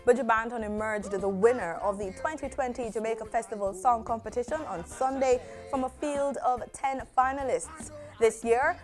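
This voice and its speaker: A woman's voice: fairly high pitch, darkish tone. Woman anchor reading the news.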